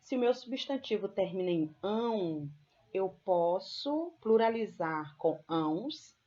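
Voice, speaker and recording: A woman's voice: medium pitch, animated, slow, mellow, muffled recording. Patient Brazilian woman teacher. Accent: Brazilian Portuguese. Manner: patient, explains step by step, checks in with "tá?" and "ok?". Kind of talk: recorded classroom lesson.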